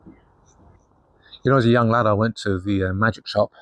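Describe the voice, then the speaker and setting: A man's voice: lowish voice, fairly even intonation, measured pace, a bit bright, dry recording. An older man, a magician, chatting his way through card tricks at a table for the camera, with plenty of asides and ums. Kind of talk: casual card trick demonstration. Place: indoors at a table, facing a camera with a monitor.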